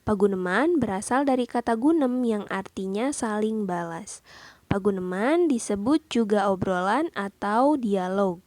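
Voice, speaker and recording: Slow, deliberate woman teacher. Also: medium pitch, animated, darkish tone, no room sound. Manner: explains each point then repeats it in a second language. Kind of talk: classroom lesson explanation.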